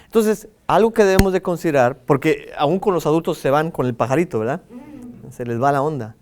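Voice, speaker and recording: A man with a Mexican accent teaching a lively lesson on preaching, acting out examples and swinging his tone and pace. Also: on the high side, a little fast. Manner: animated, acts out examples with shifting tone and pace. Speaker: preaching instructor.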